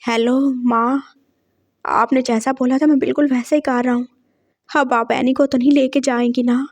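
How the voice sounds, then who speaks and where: A woman's voice: high voice, level tone, moderate pace. A woman voicing a young man who swears revenge while playing sweet, in a fan fiction story read aloud. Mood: anxious pleading. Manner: bitter, threatening inner monologue. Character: young man, vengeful, sweet to his face.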